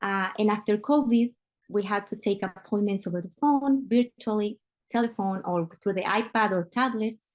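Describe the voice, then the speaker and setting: A Guatemalan woman, a medical interpreter appearing as a guest speaker, presents on a webinar in a conversational way with frequent "uh" fillers. Her mid-range voice moves at a moderate pace, picked up by a computer mic on a video call, so the recording quality is low.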